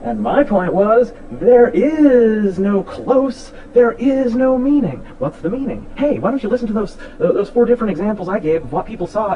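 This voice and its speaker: A man rebutting a critic in a heated video debate, sarcastic and heavy on profanity. His voice sits a little high and sounds set back from the microphone. The recording is muffled and lo-fi. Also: mellow, distant mic.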